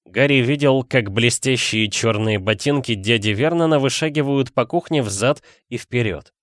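A man's voice: medium pitch, moderate pace, a bit bright, dry recording, clean studio sound. A man reading an audiobook, narrating steadily and expressively. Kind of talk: scripted narration.

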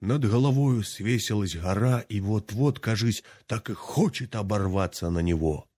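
Low-voiced man telling a folk tale. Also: normal speed, no echo, clean studio sound. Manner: lively, dramatic storytelling. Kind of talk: expressive folk tale narration.

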